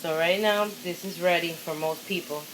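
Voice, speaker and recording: A woman's voice: lowish voice, steady tone, normal speed. A woman giving a casual, chatty cooking demonstration at the stove, encouraging and often repeating short phrases as she works. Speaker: home cook hosting a cooking video. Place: home kitchen at the stove. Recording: noisy kitchen with sizzling and pan clatter. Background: sizzling, stirring, clinking pans.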